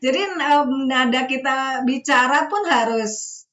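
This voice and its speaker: With a high voice and a slow pace, a woman guest speaker presents a webinar talk on counseling. She explains things patiently, frequently ending her sentences with soft tag phrases.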